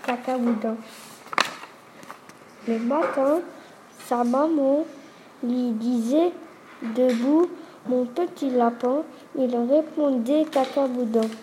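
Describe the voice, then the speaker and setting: A woman reading a children's story aloud in a slow, soft, deliberate way. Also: sits high, a little hiss or hum, poor audio.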